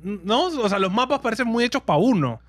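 Fast-talking young man. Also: extremely high pitch, big pitch swings, no room sound. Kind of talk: casual chat.

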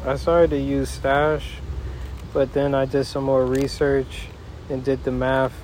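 A man hosting a casual solo podcast outdoors in a backyard, rambling in a folksy way and pausing mid-thought. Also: mid-range voice, little pitch movement, darkish tone. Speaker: podcast host. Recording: noisy outdoor backyard, wind and ambience.

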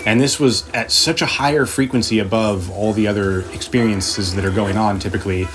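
A man's voice: lowish voice, steady tone, fairly quick, over music. A man casually telling a personal experience in an informal, descriptive, musing way.

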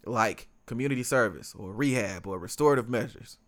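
A man's voice: mid-range voice, fairly quick, fairly bright tone. A man co-hosting a podcast in casual conversation, rambling with lots of fillers and restarts. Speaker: podcast co-host.

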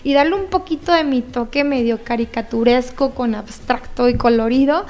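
A woman, a painter talking as a guest in a casual interview, chatty and quick to laugh. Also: high voice, darkish tone. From born in the US, raised in Mexico. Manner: chatty and enthusiastic, laughs often.

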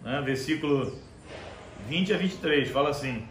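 A male preacher delivering a conversational sermon, reading scripture aloud slowly and checking in with his listeners. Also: a little high, slight background noise. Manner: conversational, constant tag questions. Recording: echoey room with faint ambience.

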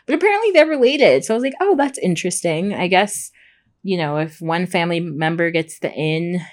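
A woman podcast host giving a casual, rambling, chatty recap in informal speech, with soft R's that come out close to W. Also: fairly low pitch, animated, a little fast. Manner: rambling, gushing informal talk with frequent "like" and "super".

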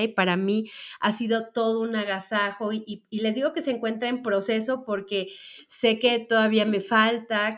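A woman in her forties with a Mexican accent, chatting through a personal story and speaking to her audience about feminine energy. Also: mid-range voice. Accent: Mexican Spanish. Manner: chatty, with frequent fillers and restarts. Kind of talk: casual storytelling monologue to an audience.

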